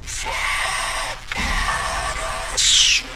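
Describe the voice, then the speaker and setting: A man voicing a demon that shouts through a phone in a distorted, demonic double voice with a harsh, rasping whisper-shout, in a horror story narration. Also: medium pitch, expressive, drawn-out words, slight background noise, heavily acted. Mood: menacing.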